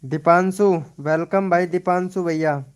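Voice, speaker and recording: A man's voice: sits high, fairly even intonation, measured pace, smooth. A young man hosting a casual live stream, chatting and teasing viewers by name while reading their comments. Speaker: live stream host promoting channels.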